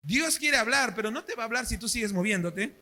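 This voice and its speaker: A man's voice: extremely high pitch, brisk. A male pastor, preaching a sermon at a church service and asking the congregation questions. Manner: animated, asks the congregation questions.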